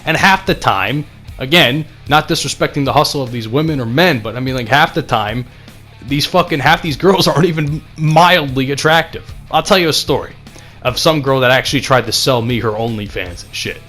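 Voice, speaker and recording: A man's voice: medium pitch, moderate pace, fairly bright tone, soft background music. A young man ranting casually over gameplay, rambling, sarcastic and full of swearing. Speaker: gaming channel host.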